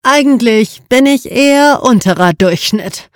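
A woman's voice: mid-range voice, lively intonation, no echo, lightly acted. A woman doing cocky sarcastic young Mo. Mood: defiant. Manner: dry mocking quips, slow and drawn out.

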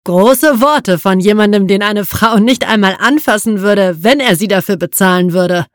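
A woman reading an audiobook, voicing a defiant, sarcastic young man who drawls his mocking quips slowly. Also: medium pitch, dry recording, lightly acted. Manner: dry mocking quips, slow and drawn out.

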